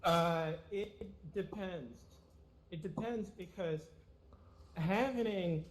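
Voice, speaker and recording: Hesitant male guest with a higher voice. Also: slow, low-quality recording. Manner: hesitant, many ums and uhs before answering. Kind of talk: casual interview answers.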